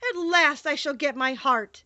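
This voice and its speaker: A woman's voice: sits high, unhurried, pushed and bright, no echo, pitched above the performer's own voice. A woman voicing a kindly, sentimental tin man from a storybook, earnest in manner. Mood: hopeful.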